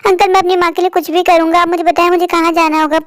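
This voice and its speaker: A woman's voice: very high voice, level tone, quick pace, no echo, studio quality. A woman voicing a timid, devoted young boy in a cartoon, speaking earnestly and pleadingly. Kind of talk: cartoon voice acting.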